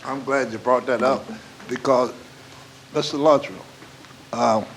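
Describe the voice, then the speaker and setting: A man's voice: mid-range voice, fairly even intonation, a little slow, vocal fry, slight background noise, rough recording. A man, a county supervisor speaking in a friendly, affirming way at a public meeting.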